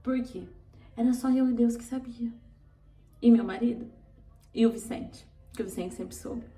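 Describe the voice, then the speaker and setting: A woman's voice: a little high, moderate pace, mellow, faint music behind. A Brazilian woman vlogger telling an emotional personal testimony, earnest and tearful, repeating words for emphasis. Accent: Brazilian Portuguese. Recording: roomy, distant from mic.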